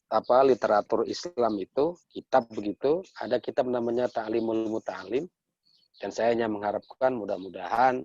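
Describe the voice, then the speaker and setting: A man's voice: lowish voice, darkish tone, slightly rough, no echo. An Indonesian man, a guest lecturer, closing his talk in a modest, hesitant way. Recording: dull, dry lo-fi sound.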